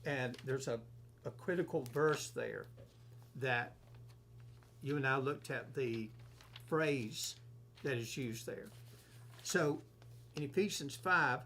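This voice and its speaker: A man, a pastor, leading a relaxed Bible study, reading verses aloud and explaining them, asking and answering his own questions. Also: medium pitch. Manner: unhurried, asks himself questions and answers them. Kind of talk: conversational Bible teaching.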